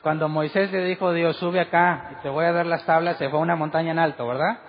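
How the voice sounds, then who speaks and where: A man's voice: on the high side, steady tone, fast talker. A man preaching a sermon as pastor, asking the congregation one rhetorical question after another. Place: church hall. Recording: dull recording with long hall reverb.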